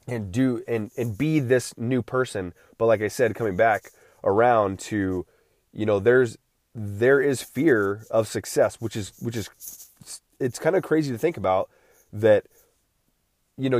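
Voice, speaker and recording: A man's voice: medium pitch, a little slow, darkish tone, no room sound, studio quality. A man in his late thirties talking through a casual solo podcast, rambling with frequent restarts and fillers while recovering from feeling unwell. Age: 30s. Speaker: podcast host.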